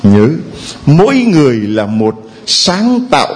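Lively, playful male preacher. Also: mid-range voice, a little slow. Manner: playful, quizzing the congregation, chuckling. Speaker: priest. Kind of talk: homily.

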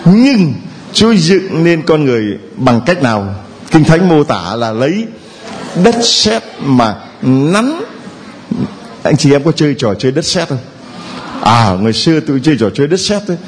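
A man delivering a homily in a playful, conversational way. His voice sits a little high and swings widely in pitch as he fires questions at his listeners. Faint background noise runs underneath. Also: big pitch swings, normal speed. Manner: playful, quizzing the congregation, chuckling. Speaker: priest.

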